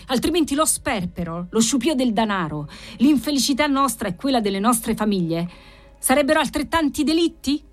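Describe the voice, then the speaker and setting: A ruined old man, as a woman reader puts him on, hurls anguished accusations in a voice pushed high and strained. His rage climbs with every question. He sounds like a figure from a read-aloud novel.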